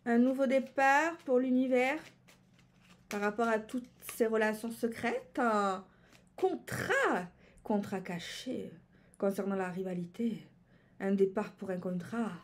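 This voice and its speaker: A woman's voice: mid-range voice, a little mellow, a little hiss or hum. A woman giving a casual tarot reading, chatting and musing aloud with repeated phrases and fillers. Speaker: tarot card reader.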